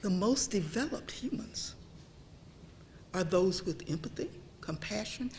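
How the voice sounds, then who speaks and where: Speaking in a church meeting room as an invited guest, this woman gives a public history talk in a medium-pitched, darkish voice with lively intonation and a measured pace. She keeps it conversational, asking the audience "okay?" and lowering to a near whisper for emphasis. There is slight background noise.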